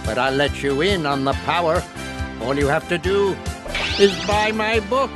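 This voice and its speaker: A man's voice: a little high, normal speed, close to an everyday voice. A man voicing a vain, cackling skeletal evil overlord in an advert, boastful and mocking. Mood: gloating. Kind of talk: animated villain ad. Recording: music bed under the voice.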